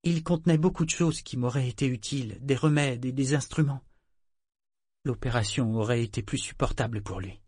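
A man's voice: medium pitch, moderate pace, a little mellow, slightly rough, no echo, clean studio sound, close to an everyday voice. A man doing a grave, careful young boy.

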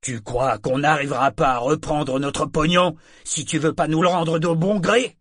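A man's voice: medium pitch, lively intonation, measured pace, fairly bright tone, slight background noise. A man voicing a brutish, bullying sailor who talks coarsely and menacingly.

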